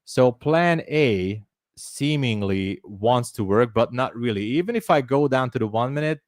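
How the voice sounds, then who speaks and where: A man's voice: medium pitch, darkish tone, no room sound, studio quality. A man from Hungary with a Hungarian accent, hosting a casual trading livestream, chatty and upbeat as he greets chat. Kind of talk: casual live-stream chat.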